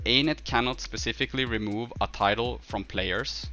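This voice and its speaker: Speaking at a mid-range pitch, this man from northern Sweden sounds bright and forceful as he casually streams a game. He answers viewers haltingly, thinking aloud in his Swedish accent, with faint music behind him.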